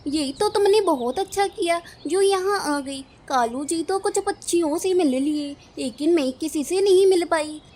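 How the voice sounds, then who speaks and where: A woman's voice: very high-pitched, normal speed, few pauses, darkish tone. A woman voicing a grumpy, nagging female crow in a cartoon, scolding and complaining. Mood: friendly.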